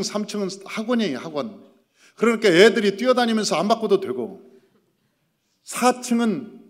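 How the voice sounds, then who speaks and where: A man preaching as pastor, telling a story and acting out dialogue, moving between loud emphasis and hushed prayer. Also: sits high. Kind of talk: sermon. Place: church sanctuary. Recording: reverberant church hall.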